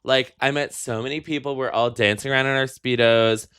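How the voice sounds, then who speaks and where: Bright campy young man. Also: mid-range voice, steady tone, a little fast, clear, resonant tone. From New York. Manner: campy, playful, says "honey". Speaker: podcast co-host. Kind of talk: casual chat.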